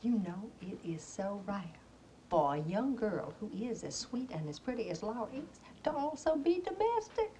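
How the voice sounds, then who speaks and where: A woman's voice: medium pitch, sing-song, normal speed, mellow, a little hiss or hum, lightly acted. An actress playing a middle-aged faded Southern belle mother, genteel and nostalgic, chattering with a Southern accent and theatrical laughs. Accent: American Southern. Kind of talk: stage play acting.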